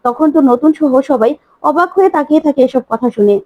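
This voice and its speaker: A woman with a high voice recaps a TV serial in a casual, lively way and reads out the characters' lines as she goes. The recording is dry and close, with a slightly muffled, dull tone. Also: dry recording. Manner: quick, animated retelling that slips into characters' lines. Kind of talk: casual retelling with acted quotes.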